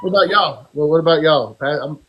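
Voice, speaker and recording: Husky teasing man. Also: fairly high pitch, brisk, dull audio, soft background music. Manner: teasing, jokey. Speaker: podcast co-host. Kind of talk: casual chat.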